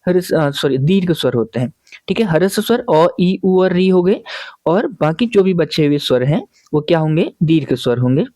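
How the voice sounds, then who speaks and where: Patient, mellow-voiced male teacher. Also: a little high, animated, moderate pace, no room sound. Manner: explains patiently, asks and answers his own questions; keeps checking in with the listener. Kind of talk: classroom grammar lesson.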